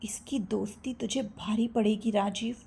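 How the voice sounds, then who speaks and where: A haughty young college woman with a hot temper, snapping out threats, as a woman narrating an audio story puts her on. The tone is dark and husky, pitched somewhat high. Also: fairly even intonation, extremely slow, heavily acted. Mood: whispered threat.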